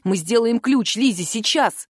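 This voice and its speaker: A woman's voice: a little high, lively intonation, measured pace, slightly rough, no echo, clean studio sound. Woman reading a brave young male fire mage. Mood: urgent.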